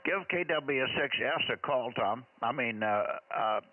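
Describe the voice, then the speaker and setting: A man's voice: medium pitch, lively intonation, unhurried, no room sound. A man running an amateur radio net over a two-way radio, easygoing and folksy as he directs other operators. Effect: heard over a two-way radio. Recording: tinny radio transmission with clear hiss.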